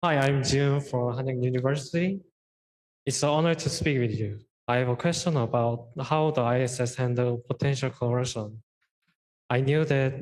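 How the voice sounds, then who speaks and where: A young man with a medium-pitched voice speaks as a student. He puts a prepared question politely and formally. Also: a little mellow, rough recording. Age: young adult.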